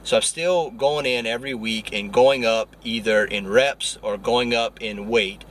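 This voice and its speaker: A young man talking quickly and chattily to the camera as a fitness vlogger. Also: medium pitch, fairly bright tone. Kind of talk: casual vlog talk. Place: gym.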